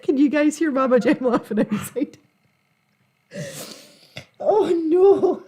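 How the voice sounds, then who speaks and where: High-voiced giggly Scottish woman. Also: animated, takes it slowly, dark tone. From Scotland. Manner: giggly, informal, chatty. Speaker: livestream host. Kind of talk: casual chat to a live audience.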